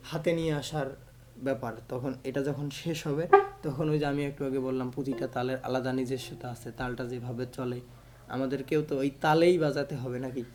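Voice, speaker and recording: A man's voice: mid-range voice, steady tone, brisk, darkish tone. A man giving a patient instrument lesson, counting the beats aloud over and over. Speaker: music teacher.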